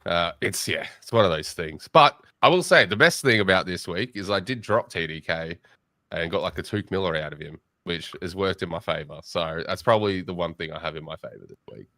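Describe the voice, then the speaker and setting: A man's voice: sits low, brisk, no room sound, studio quality. A young Australian man hosting a casual late-night fantasy football chat, joking and bantering with his guests. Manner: joking, banter-heavy, excitable. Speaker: podcast host.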